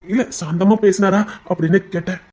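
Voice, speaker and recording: Someone playing a sly fast-talking schemer. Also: mid-range voice, fairly even intonation, darkish tone, lightly acted. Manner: smooth, fast, prying. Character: sly scheming young man, fake best friend.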